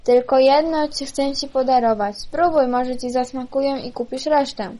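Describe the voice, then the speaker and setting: A woman's voice: high voice, moderate pace, mellow, close to an everyday voice. A woman voicing a scheming peasant woman who sells apples, coaxing and wheedling in a read-aloud storybook tale. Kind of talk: storybook reading.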